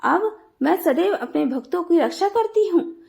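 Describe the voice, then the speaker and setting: A woman's voice: extremely high pitch, lively intonation, normal speed, creaky, darkish tone, exaggerated voice. A woman voicing a benevolent mother goddess who speaks in solemn proclamations.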